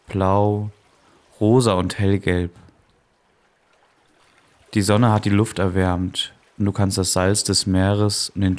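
A man softly and calmly narrating a guided meditation in a soothing manner, as the host of a relaxation podcast. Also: deep voice.

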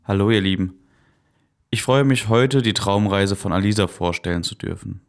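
A man softly and calmly narrating a guided meditation in a soothing manner, as the host of a relaxation podcast. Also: on the low side, normal speed.

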